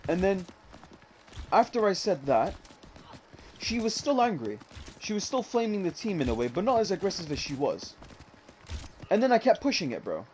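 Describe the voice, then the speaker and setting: Young man, higher voice, rambling casual storyteller, faint hiss behind. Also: very animated, normal speed, pauses often, darkish tone. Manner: rambling, fillers like "what's it called", says "bro". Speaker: gamer telling a story.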